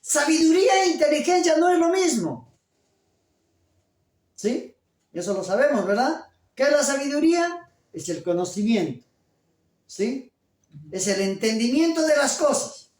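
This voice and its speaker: A pastor preaching a sermon at a deliberate pace and pausing to put questions to the congregation. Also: high-pitched, big pitch swings, darkish tone. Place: church. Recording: echoey church room, voice from a distance.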